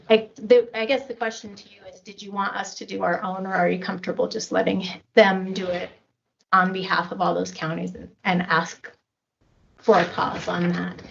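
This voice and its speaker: Creaky-voiced woman giving a meeting report. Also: mid-range voice. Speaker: county staff member reporting to commissioners. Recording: dull meeting room audio with faint noise.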